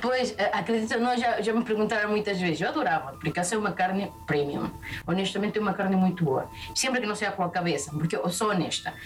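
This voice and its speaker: A woman from Peru with a Peruvian Spanish accent, talking in a lively, chatty way as a chef being interviewed. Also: mid-range voice, fast, far from the mic, soft background music. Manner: lively, talkative, restarts often. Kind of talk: casual interview chat.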